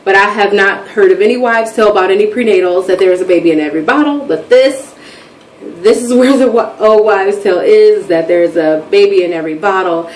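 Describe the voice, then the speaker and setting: A woman in her thirties chatting in a rambling, animated way for her video diary. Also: medium pitch, brisk, distant mic. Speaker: vlogger. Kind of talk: casual chat. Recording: echoey room, voice from off mic, faint background noise.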